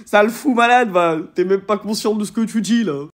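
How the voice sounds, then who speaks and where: A young man with a somewhat high voice tells a story to his followers. He talks in loose street slang and switches between loud indignant bursts and low grumbling asides. The delivery is animated and casual. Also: brisk. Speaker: influencer.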